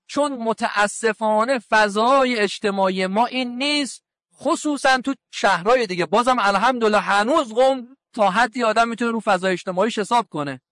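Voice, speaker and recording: A male cleric delivers a sermon in a strikingly high voice and a colloquial manner. He from around Qom and retells conversations, voicing the lines of the people in his stories. The sound is close and dry, with no room echo. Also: fairly bright tone. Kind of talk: sermon with anecdotes.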